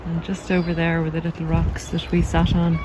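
An Irish woman who hosts a podcast and coaches people recovering from narcissism talks casually and explains things in a measured, halting monologue as she walks along a coastal cliff path. Her voice is lowish and monotone. The handheld outdoor recording is noisy.

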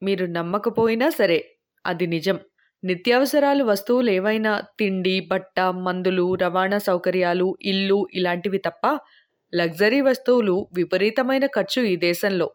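A woman reading the lines of a talkative male traveler in a novel audiobook, laying out how things work in a plain, explanatory way. The pitch sits at a middle level. He sounds like an everyday man explaining things, without any heavy character voice. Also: moderate pace, lightly acted. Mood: matter-of-fact. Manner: explanatory, matter-of-fact. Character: chatty man explaining life abroad.

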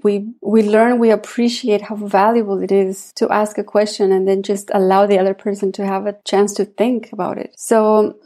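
A woman from Mexico who grew up speaking Spanish, a coach and consultant chatting as a podcast guest, warm and chatty with frequent laughs. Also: mid-range voice. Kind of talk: casual interview chat.

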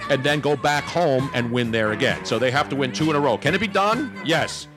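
A man past sixty hosts a casual sports talk show with music clearly audible. His pitch is middling, and he talks in an emphatic, joking manner. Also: lively intonation, a little fast. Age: 60s or older.

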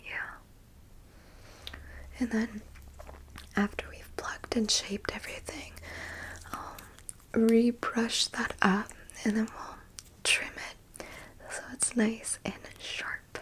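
A woman whispering close to the mic as a beautician, softly repeating words while she works. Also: on the high side, flat delivery, takes it slowly, long pauses, poor audio. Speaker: beautician in a roleplay. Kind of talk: ASMR roleplay.

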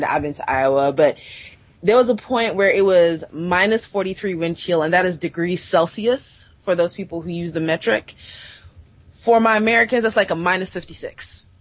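A woman's voice: on the low side, slightly rough, dry recording. Sassy lady w/ a southern us accent, joking around on a podcast, dry no-room sound. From Southern Africa. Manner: sassy, playful smack-talking storyteller. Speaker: podcast guest, lifestyle blogger. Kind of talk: casual chat.

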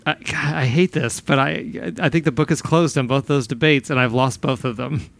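A man's voice: mid-range voice, moderate pace, creaky, a bit bright. A man co-hosting a podcast in casual chat, chatty and self-deprecating. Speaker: podcast co-host.

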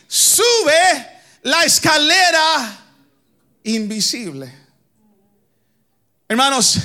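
A man from the Dominican Republic delivers a fervent sermon in a strikingly high, bright and ringing voice. He swings between shouted lines and sing-song chanting, and he keeps turning to the congregation as his brothers. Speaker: preacher. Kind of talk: preaching sermon.

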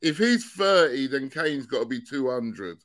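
A man's voice: medium pitch, lively intonation, a little slow, a bit bright. A man with a London roadman accent in casual, slangy football debate, provocative and pushing his point with questions.

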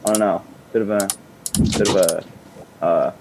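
A man's voice: deep voice, fairly even intonation, moderate pace, background noise. A man player describing his character in a hesitant, rambling way. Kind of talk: casual chat.

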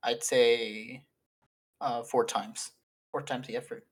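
A young adult man with a mid-range voice speaks slowly and fairly evenly, co-hosting and editing a casual podcast with friends. He rambles through long sentences packed with fillers, laughing as he talks.

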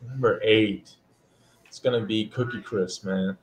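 A man's voice: lowish voice, steady tone, unhurried, crowd noise. A man co-hosting a casual podcast, laid-back and telling stories. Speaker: podcast co-host. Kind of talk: casual chat.

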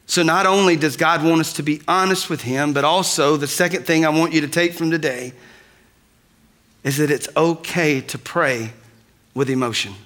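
A man preaching a sermon, shifting between quiet, drawn-out lines and loud cries. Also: on the high side. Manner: dynamic, swings from soft to loud. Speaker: pastor.

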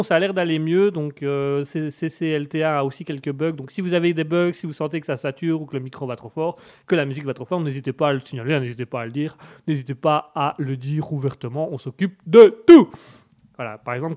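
A man hosts a live stream with a fairly high voice. He chats loosely and jokes with the viewers, often stumbling over repeated words. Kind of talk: casual live-stream chat.

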